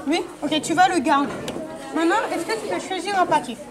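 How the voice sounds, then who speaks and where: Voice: extremely high pitch, fairly quick. A kids party magician doing live show patter, giving volunteers instructions and questions, recorded in a large indoor room. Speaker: magician performing card tricks. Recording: large echoing hall with loud crowd noise.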